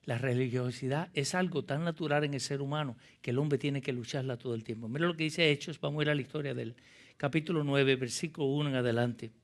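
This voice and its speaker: A man's voice: medium pitch, fast talker. A male pastor preaching a sermon with passion, asking the congregation rhetorical questions and reading scripture aloud.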